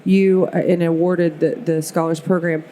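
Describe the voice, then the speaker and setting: A woman's voice: on the low side, little pitch movement, moderate pace, mellow. A woman hosting a conference podcast, upbeat and encouraging as she interviews guests. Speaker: podcast host.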